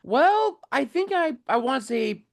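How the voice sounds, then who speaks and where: This young man's voice is very high-pitched and gravelly, swinging widely in pitch at a measured pace. He's an author and podcast host being interviewed over video as a guest, eagerly going on about his books in a casual way, filler words everywhere.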